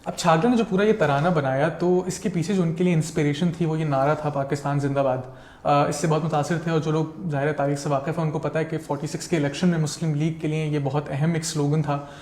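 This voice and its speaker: A man's voice: a little high, fairly even intonation, fast talker, darkish tone. A man, a guest critic giving long, detailed explanations and slipping into English mid-sentence. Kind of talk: conversational explanation. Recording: roomy echo.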